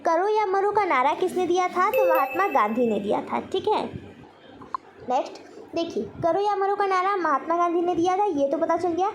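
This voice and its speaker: A woman with an Indian accent and a very high, expressive voice leads a general knowledge quiz lesson for exam students at normal speed. She asks each question, answers it herself and repeats key points, with a little hiss or hum in the background.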